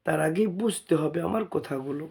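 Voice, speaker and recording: A man from India with a Bengali accent teaching Arabic letters, repeating each sound several times in a slow spoken lesson. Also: a little high, lively intonation, creaky, a little mellow, husky.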